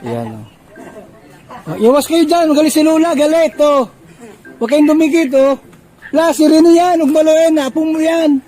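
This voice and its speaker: A man's voice: very high-pitched, sing-song, moderate pace, pauses often, mellow, a faint crowd, low-quality recording. A man filming a casual vlog, pleading and coaxing an upset elder with repeated questions. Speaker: relative filming and calming grandmother. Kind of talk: casual handheld vlog chat.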